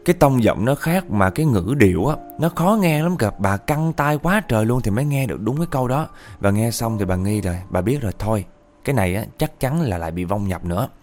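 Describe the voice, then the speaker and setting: A man narrates a ghost story in a chatty, animated manner, often speaking directly to his listeners. His voice sits a little low, with faint music playing behind him. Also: quick pace.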